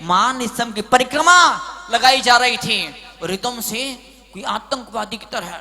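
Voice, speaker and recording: A man preaching a sermon as a monk, telling stories with big swings between loud and hushed. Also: very high-pitched, expressive, measured pace. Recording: hall reverb.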